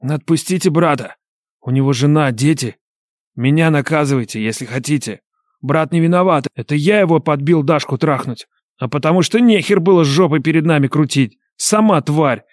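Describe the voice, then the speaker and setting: A man's voice: a little high, moderate pace, no echo, studio quality, pitched above the performer's own voice, close to an everyday voice. A man voicing a remorseless male captive with a grating, scraping voice. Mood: defiant.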